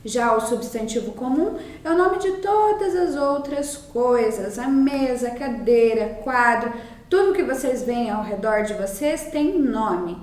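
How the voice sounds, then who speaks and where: Slow, high-voiced Brazilian teacher in a roomy space. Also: female voice. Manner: slow, patient explaining with many repetitions. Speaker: primary school teacher. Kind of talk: recorded remote lesson for young children. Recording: roomy sound, mic at a distance.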